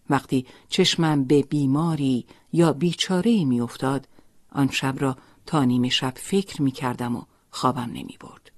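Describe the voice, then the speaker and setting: A woman reading a first-person story as narrator, soft and often sinking into a near-whisper. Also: sits low, husky, no room sound.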